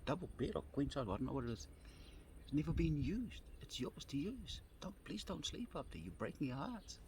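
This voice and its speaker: A man's voice: fairly high pitch, very animated, a little fast, a little mellow, a little hiss or hum, pitched above the performer's own voice. A man voicing a kind woman who earnestly pleads with someone to take her spare room. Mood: pleading.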